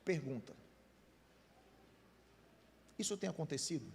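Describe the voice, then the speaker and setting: A Brazilian pastor preaches a sermon in a fairly high voice. He questions the congregation directly and acts out little exchanges of dialogue. His voice trails off in a church hall with a long reverb. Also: animated, measured pace, vocal fry, a little mellow, slight background noise. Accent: Brazilian Portuguese. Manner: conversational preaching with quoted dialogue.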